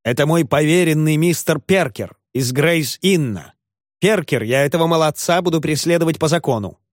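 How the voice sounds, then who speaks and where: A man doing a blustering furious old gentleman. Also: on the high side, moderate pace, no room sound, clean studio sound, pitched above the performer's own voice, close to an everyday voice. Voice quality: blustering, indignant. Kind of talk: audiobook character voice.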